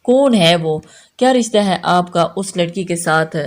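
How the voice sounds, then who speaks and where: A woman voicing a bitter, sharp-tongued young sister who confronts her brother. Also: fairly low pitch, animated, natural voice. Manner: bitter, cutting.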